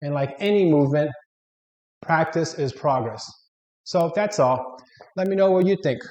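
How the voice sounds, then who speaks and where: A man's voice: on the high side, brisk, dark tone, highs cut off. A man coaching an exercise, giving plain-spoken step-by-step instructional cues. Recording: echoey room.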